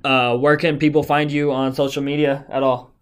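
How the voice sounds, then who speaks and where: A man's voice: mid-range voice, flat delivery, smooth. Young male podcast host from Arizona, casual and chatty, stumbles and restarts a lot. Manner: halting, stumbles over words. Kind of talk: casual chat.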